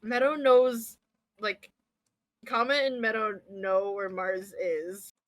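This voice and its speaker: A woman's voice: medium pitch, steady tone, takes it slowly, no room sound, low-quality recording. A woman playing a tabletop game, hesitant and full of fillers, with casual swearing. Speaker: player.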